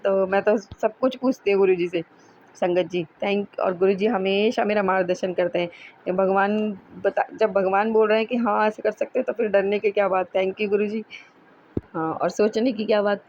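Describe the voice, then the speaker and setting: A woman's voice: medium pitch, fairly even intonation, normal speed, darkish tone. Chatty woman telling a devotional story. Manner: chatty and rambling, with frequent self-corrections and restarts; earnest and pleading when speaking to her guru. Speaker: devotee sharing a satsang testimony. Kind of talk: casual devotional storytelling to listeners. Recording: dull lo-fi recording with faint hiss.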